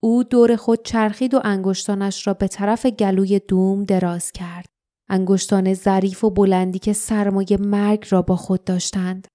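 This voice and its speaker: A woman narrating a fantasy audiobook in a steady, dramatic storytelling manner. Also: mid-range voice, no echo, studio quality.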